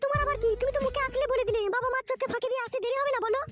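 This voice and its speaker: A woman's voice: very high voice, fairly even intonation, rapid-fire. A woman playing a young village woman running away with her lover, speaking tenderly and pleadingly, in a comic audio drama. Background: background music.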